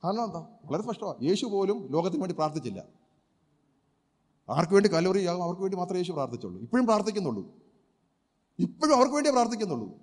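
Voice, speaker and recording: A pastor preaches an emphatic sermon at a rapid clip, his slightly high voice ringing through a church hall with a long reverb. He asks rhetorical questions, breaks into loud shouts of praise, and his pitch swings widely.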